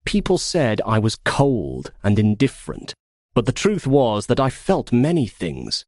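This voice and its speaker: A man reading a first-person novel as an audiobook with expressive storytelling. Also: mid-range voice, a little slow, no room sound, clean studio sound. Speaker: audiobook narrator.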